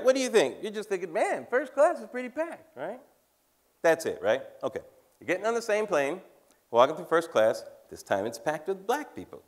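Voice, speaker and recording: A man's voice: high voice, a bit bright. A man in his fifties doing a wry, conversational comic talk on a theater stage, teasing the audience and laughing at his own jokes. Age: 50s. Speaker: comedian and cultural commentator. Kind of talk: stand-up style talk on stage. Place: large theater stage before a live audience.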